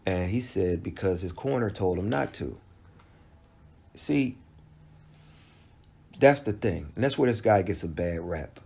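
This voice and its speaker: A man giving a halting solo recap of a boxing match, with frequent restarts and fillers. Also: sits low, animated, creaky, a little mellow, breathy edge. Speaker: boxing commentator.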